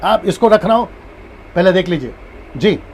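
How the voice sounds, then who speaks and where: A man's voice: high voice, expressive, normal speed, slight background noise. A man preaching as a pastor in a live-streamed Bible teaching, who repeats his key points and acts out different tones of a phrase.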